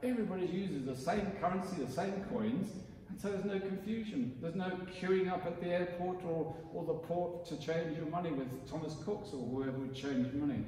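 A man's voice: high-pitched, moderate pace, dark tone, slight background noise. A man, a vicar giving a conversational sermon who acts out the voices in the story. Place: church. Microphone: distant mic. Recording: echoey church from far off.

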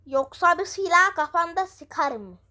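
A man's voice: very high-pitched, animated, measured pace, sharp tone, full character voice. A man voicing a menacing male jinn with a big chin in a cartoon, touchy and threatening.

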